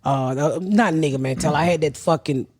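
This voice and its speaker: A middle-aged woman hosting a podcast tells a long story casually, in a blunt, profane, rambling manner. Her deep voice is brisk and a little mellow, and the recording is dry with clean studio sound.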